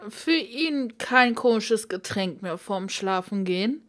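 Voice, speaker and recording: A woman's voice: mid-range voice, animated, slow, fairly bright tone. A woman gamer giving casual let's play commentary, reacting aloud in short asides.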